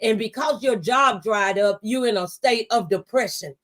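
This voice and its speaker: At a normal speed and a fairly high pitch, a middle-aged talk show panelist gives her testimony, preaching in a conversational way. Her motivational faith message is emphatic and exhorting, and she repeats phrases to press her encouragement home.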